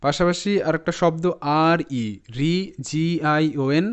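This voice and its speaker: A man teaching English pronunciation, spelling words out letter by letter and repeating them slowly for his students. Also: on the high side, flat delivery, clear, resonant tone. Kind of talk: spoken lesson to students. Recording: slightly dull lo-fi sound.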